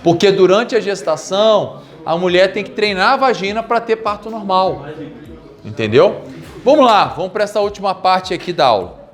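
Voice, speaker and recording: A man in his forties giving a live classroom lecture, from Brazil, coaching students through exercises with lively repeated commands. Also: high voice, moderate pace. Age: 40s. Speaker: physical education lecturer. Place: classroom with audience.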